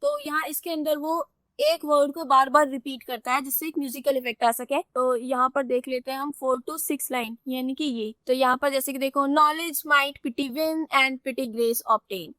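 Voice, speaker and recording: A woman's voice: high voice, moderate pace, fairly bright tone, no room sound. A young woman teacher explaining poetry step by step for an exam, often checking that students follow. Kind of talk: exam-focused poetry lesson in mixed Hindi and English.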